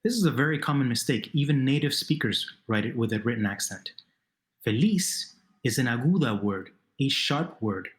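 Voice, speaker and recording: A man's voice: medium pitch, animated, moderate pace. A man narrating a video lesson as a Spanish teacher, posing questions to the learner and then patiently answering them himself.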